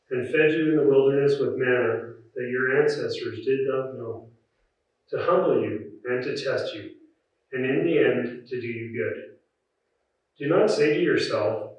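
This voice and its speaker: A man's voice: medium pitch, a little mellow. Echoing cathedral scripture reading by a man. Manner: measured, solemn recitation. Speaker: scripture reader at a church service. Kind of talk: formal liturgical scripture reading. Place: large reverberant church. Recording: very echoey church, distant muffled mic.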